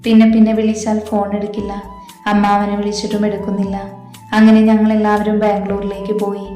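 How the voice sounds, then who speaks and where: A woman tells a story in a mellow, flat, steady voice. The recording has a roomy echo, and soft background music plays under her narration. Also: medium pitch, brisk. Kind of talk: scripted narration.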